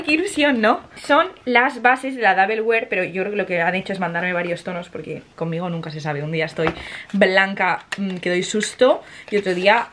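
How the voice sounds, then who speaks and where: A woman's voice: mid-range voice, background noise. Gushing young woman unboxing. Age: 20s. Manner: excitable, gushing, chatty. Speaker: vlogger. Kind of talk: casual unboxing chat.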